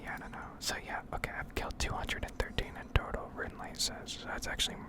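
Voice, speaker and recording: In a breathy whisper, a female gaming ASMR creator drifts through unhurried commentary while gameplay runs.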